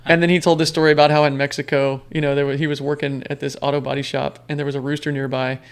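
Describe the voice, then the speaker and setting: A man with a somewhat high, gravelly voice talks as a podcast guest. He rambles through stories in a relaxed, chatty way, full of fillers and restarts. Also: fast talker. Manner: rambling storyteller with many fillers. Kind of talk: casual conversation.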